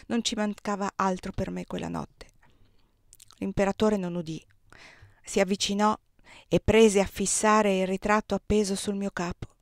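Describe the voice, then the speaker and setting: A woman reading a first-person novel aloud as an audiobook, measured and steady. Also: mid-range voice, dry recording, clean studio sound. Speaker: audiobook reader.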